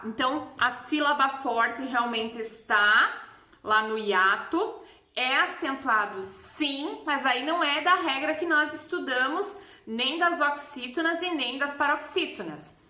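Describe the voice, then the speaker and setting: A woman teacher with a Brazilian Portuguese accent patiently explaining a grammar lesson, repeating example words slowly. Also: sits high, pushed and bright. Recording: echoey room.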